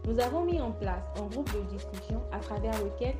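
A young woman in her mid-twenties moderates a group podcast, speaking in a measured way with hesitant restarts. Her voice sits in an echoey room, and music plays clearly under it. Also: fairly high pitch, animated. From Congo. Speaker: discussion moderator.

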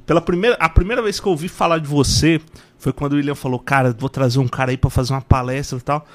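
A man's voice: fairly high pitch, fast talker. A man with a Brazilian Portuguese accent hosting a casual podcast interview, speaking in an informal, slangy, enthusiastic way. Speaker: podcast host.

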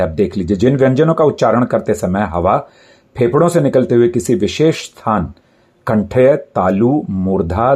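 A man teaches a grammar lesson at an unhurried pace. He draws out each sound as an example. His voice is husky and mellow. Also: medium pitch. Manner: slow, deliberate, drawing out each sound as an example. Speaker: Hindi teacher.

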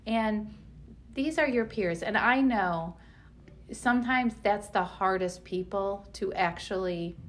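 A woman's voice: mid-range voice, slow pace. A woman co-hosting a podcast in casual chat, encouraging and reassuring her listeners. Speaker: podcast co-host.

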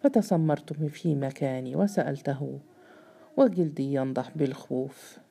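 A grown man tells of a strange meeting in the dark, earnest and measured, read by a woman. The voice sits low and sounds deeply mellow and warm. It is told in a storybook reading. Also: vocal fry, breathy edge, full character voice. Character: grown man recounting a strange night encounter.

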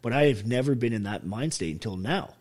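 A man's voice: medium pitch, lively intonation, fairly quick, darkish tone, husky. Blunt, profane middle-aged man. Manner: blunt, heavily profane, raw and emotional. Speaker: podcast guest, army veteran. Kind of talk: candid interview storytelling.

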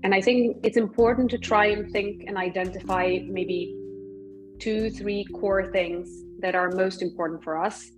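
A woman from Poland, a recruitment professional, answering interview questions in a measured, thoughtful way with frequent ums. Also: mid-range voice, fairly even intonation, music in the background, low-quality recording.

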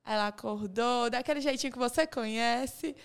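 A young woman tells a long personal story to her friends on a podcast. Her voice sits slightly high and stays smooth and clear. She slips into little performances of what people said. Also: moderate pace. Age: young adult. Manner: animated storyteller, acts out quoted dialogue. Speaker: podcast co-host. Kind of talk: casual chat among friends.

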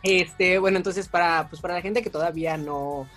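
A man's voice: high-pitched, moderate pace, a bit bright, faint music behind. A young man with a Mexican accent, chatting as an interview guest, talkative and self-mocking, laughing often. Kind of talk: casual chat.

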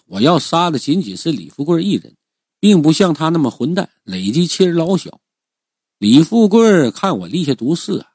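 Guy narrating a story first person, husky voice, dry close sound, lots of stretched-out particles. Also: fairly high pitch, a little mellow, no echo. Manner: colloquial storytelling with drawn-out particles.

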